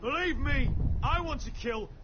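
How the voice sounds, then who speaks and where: An actor playing a resolute young lord of a besieged house in a fantasy game, grave and commanding. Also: male voice, very high-pitched, measured pace. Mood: vengeful. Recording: muffled, music behind.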